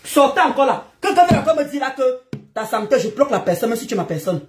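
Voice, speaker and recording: A woman, ranting loudly at commenters during a live stream, combative and often shouting. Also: high-pitched, big pitch swings, fast talker. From Cameroon.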